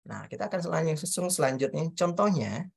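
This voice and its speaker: Low-voiced and animated, this woman has a creaky, breathy edge and talks at a normal speed. Before an audience at a coaching talk, she runs a self-questioning workshop, addressing people directly, acting out sample questions, and making hesitant restarts while explaining.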